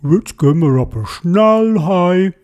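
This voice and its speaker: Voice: medium pitch, animated, slow, a little mellow, lo-fi sound. A storyteller voicing a caring octopus father calling out for his youngest child. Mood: worried. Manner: worried, calling out.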